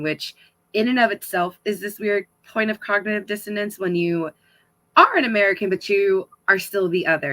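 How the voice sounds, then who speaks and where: Woman interviewer; bright, slightly low tone, casual and thoughtful. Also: poor audio. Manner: casual, thoughtful, hedges with fillers. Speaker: interviewer, host. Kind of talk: livestream book conversation.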